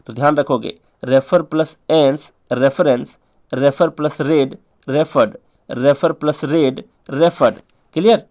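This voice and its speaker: A man teaching an English spelling lesson in Hindi, drilling each word over and over in a sing-song way with quick asides. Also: mid-range voice, a little mellow. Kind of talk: spelling lesson for exam prep.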